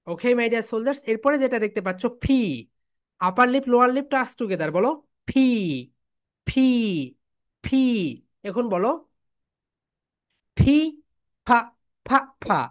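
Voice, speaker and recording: A woman's voice: on the high side, animated. A woman teaching English letter sounds, chanting each sound and having the class repeat it. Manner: call-and-response drilling, repeating sounds slowly; calls students "my dear soldiers". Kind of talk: phonics drill lesson.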